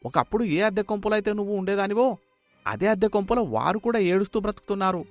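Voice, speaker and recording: A man's voice: sits high, animated, fast, faint music behind, pitched above the performer's own voice. A man voicing a kindly older villager. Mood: grave. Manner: sympathetic, exclaiming. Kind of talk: storybook voice acting.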